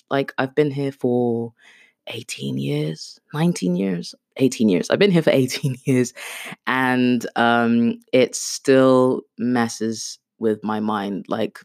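Her pitch sits extremely low, and she talks slowly and animatedly with a slightly mellow quality, recorded dry in a clean studio. She is a podcast host in her thirties, born in Kenya with Swahili as her first language, rambling chattily through an unplanned monologue, full of fillers and jokes at her own expense.

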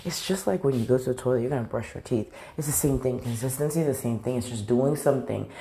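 A woman's voice: rumbling low, quick pace, gravelly, mellow, a little hiss or hum. A woman hosting a motivational podcast from a large bathroom, upbeat and repetitive with lots of fillers, sounding groggy with a morning voice from a slight cold. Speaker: podcast host.

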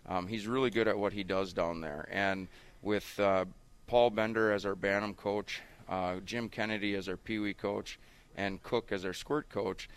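A man in his thirties, a high school hockey coach, explaining earnestly in a radio interview, his voice muffled by a face mask. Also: fairly even intonation, normal speed, smooth. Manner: earnest, explanatory, frequent "you know".

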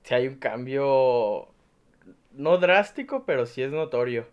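A man in his twenties with a Nayarit Mexican accent, a student guest talking thoughtfully with many pauses and fillers. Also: mid-range voice, lively intonation, smooth, highs cut off. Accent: Nayarit Mexican Spanish. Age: 20s. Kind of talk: casual chat.

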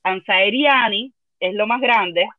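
A woman's voice: mid-range voice, slow pace, dry recording, phone-quality sound. A woman with a Cuban accent telling a funny personal story in a dramatic, self-mocking way. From Cuba. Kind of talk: comic storytelling chat.

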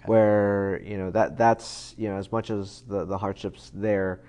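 A man's voice: fairly low pitch, level tone, measured pace, a little mellow. A man in his thirties, a guest in a casual conversation, talking in a rambling way with many fillers and restarts. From United States. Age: 30s.

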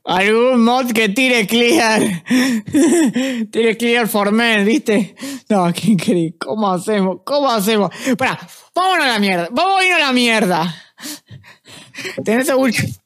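Una mujer con acento uruguayo que conduce una charla informal, bromea y repite palabras en tono juguetón. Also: female voice, on the high side, animated. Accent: Uruguayan Spanish. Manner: slow, joking, playful repetitions. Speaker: host. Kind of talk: casual podcast chat.

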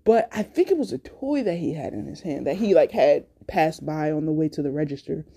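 A woman's voice: low-pitched, expressive, fairly quick, gravelly, warm tone, husky. A woman hosting a casual solo podcast, speaking bluntly and cursing a lot as she tells a story with speech. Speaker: podcast host.

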